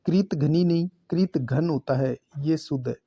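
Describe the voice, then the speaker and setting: A man teaching a spelling lesson for exam prep, slowly repeating each word and marking it correct. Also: a little high, slightly rough, highs cut off.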